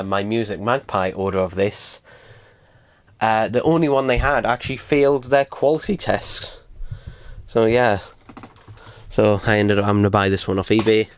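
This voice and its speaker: A man's voice: lowish voice, clean tone, dry recording. A man casually unboxing items at home, rambling with many fillers and casual swearing, sore after a fall. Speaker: unboxing vlogger. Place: small room at home. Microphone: close desk microphone.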